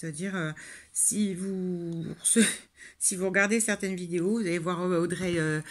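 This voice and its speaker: A woman's voice: lowish voice, fairly even intonation, moderate pace. French lady doing a craft tutorial, chatty, lots of euh, laughs at herself. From France. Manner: chatty, rambling, self-deprecating, many fillers. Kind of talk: casual talk-through while making a card.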